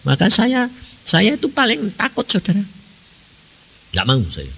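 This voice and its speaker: Male preacher, Javanese accent, on the higher side, slightly husky, animated sermon storytelling in a reverberant hall. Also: a little slow. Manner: animated storytelling, asks the congregation questions. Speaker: evangelist preacher.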